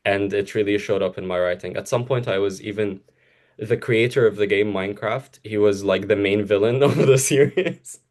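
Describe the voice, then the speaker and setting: A young Egyptian man whose first language is Arabic chats casually as a co-host in a relaxed conversation, rambling through restarts and laughing a lot. His fairly low voice has a darkish tone and moves at normal speed.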